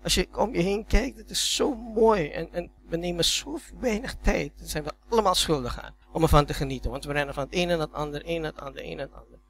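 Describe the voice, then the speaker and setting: A man's voice: fairly high pitch, quick pace, gravelly, few pauses, a little hiss or hum. A man preaching a sermon in a church, telling stories in a conversational way that builds to emphatic peaks, often repeating words as he restarts. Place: church hall.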